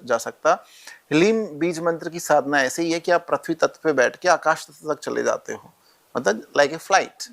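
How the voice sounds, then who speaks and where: Man calmly instructing step-by-step remedies. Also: fairly high pitch. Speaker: astrologer guest. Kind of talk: podcast interview explaining remedies and mantras.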